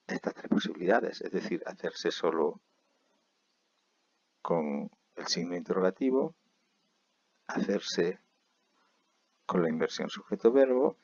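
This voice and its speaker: A man teaching a recorded video lesson, explaining patiently and reading examples slowly and clearly. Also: deep voice, warm tone, dull audio.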